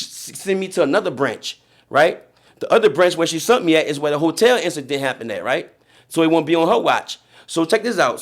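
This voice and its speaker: A young man with a New Orleans accent, telling a story in casual streetwise slang on a podcast. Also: fairly high pitch. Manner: streetwise slang, frequent "you feel me". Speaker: podcast guest.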